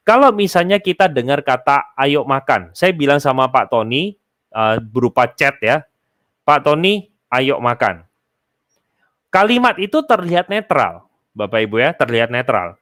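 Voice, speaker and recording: A man's voice: medium pitch, fairly bright tone, no room sound, studio quality. A man, giving casual, explanatory advice to an audience he addresses directly. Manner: explanatory, addresses listeners as Bapak Ibu. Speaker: speaker answering a host's question.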